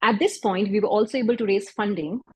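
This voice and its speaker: A doctor and health startup founder, a woman whose first language is Urdu, gives an event talk in a Pakistani accent. Her mid-range, darkish voice is slightly breathy and husky, earnest and measured, and she sometimes restarts a phrase. The recording is close and dry, with no room echo.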